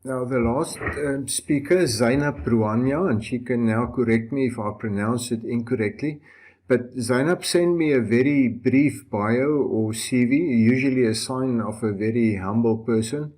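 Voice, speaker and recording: A man's voice: medium pitch, measured pace, darkish tone. A man hosting an online meeting, speaking informally as he moderates and introduces speakers. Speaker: meeting host. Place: video call.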